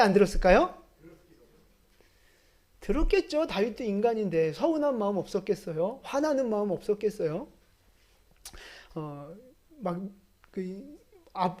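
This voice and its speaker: Animated woman preaching a sermon. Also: medium pitch. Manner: lively, talks to the congregation with questions and acted quotes. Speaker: pastor. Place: church sanctuary.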